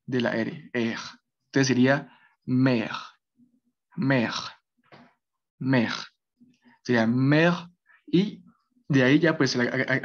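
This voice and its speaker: In a dull lo-fi recording, a medium-pitched male teacher patiently walks students through a beginner French lesson, frequently making sure they understand.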